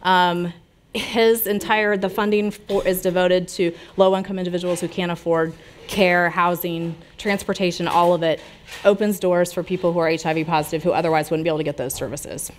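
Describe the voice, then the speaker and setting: A middle-aged American woman gives an informal public health talk in a small brick-walled lounge, answering questions from a seated audience while chatting conversationally and gesturing freely. Her voice is lowish and steady, her pace brisk, with slight background noise.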